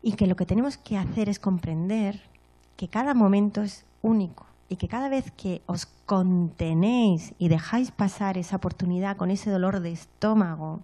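A woman with a medium-pitched voice speaks at a moderate pace while giving a motivational talk to an audience. She tells stories, often checks in with short tag questions, and acts out moments in a lively way.

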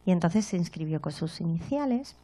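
Woman, motivational talk, warm mellow voice, slightly low pitch, storytelling. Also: a little fast. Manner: storytelling, frequent tag questions, lively acted-out moments. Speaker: speaker giving a talk.

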